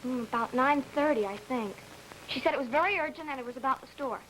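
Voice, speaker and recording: High, quick, chattering young girl. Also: a bit bright, a little hiss or hum, poor audio. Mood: matter-of-fact. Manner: earnest, inquisitive, chattering. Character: talkative, romantic-minded girl, devoted daughter. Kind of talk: 1950s TV family drama acting.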